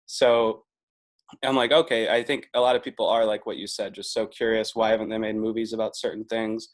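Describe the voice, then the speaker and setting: A man in his twenties talks as a podcast guest in a relaxed, meandering way. He laughs often and keeps reaching for "like" as he goes. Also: lowish voice, brisk. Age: 20s. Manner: chatty, laughs often, leans on filler "like". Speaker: podcast guest, video producer. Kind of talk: casual podcast chat.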